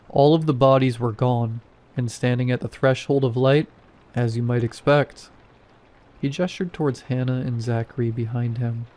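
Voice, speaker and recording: A tired male guard talks through what he saw in a plain, conversational way, with little asides thrown in, as a narrator puts him on. The voice sits at an ordinary middle pitch. He sounds like an everyday man. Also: a little mellow, lightly acted. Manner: plain first-person retelling, casual asides.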